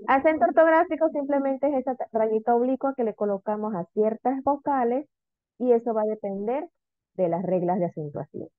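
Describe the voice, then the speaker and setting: A woman teacher giving an online lesson, drawing out example words slowly as she repeats them. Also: fairly high pitch, dry recording. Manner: slow, drawn-out repetition of example words. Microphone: video call. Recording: dry, phone-like video call audio.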